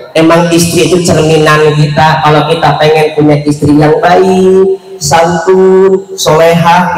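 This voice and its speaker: A man giving a humorous sermon in a mosque, joking and calling out to the audience. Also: a little high. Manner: joking, animated, calls out to the audience. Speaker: preacher. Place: mosque hall, recorded from a distance. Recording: echoey, distant, noisy.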